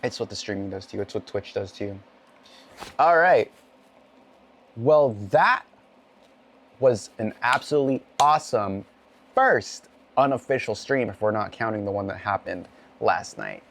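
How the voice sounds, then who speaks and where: A man with a gravelly, creaky voice made hoarse by a cough, chatting loosely to his viewers at the end of a racing stream. He rambles in an upbeat, self-deprecating way. He sits at a home gaming setup with a racing wheel. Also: lowish voice, fairly quick, a bit bright. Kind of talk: casual end-of-stream chat.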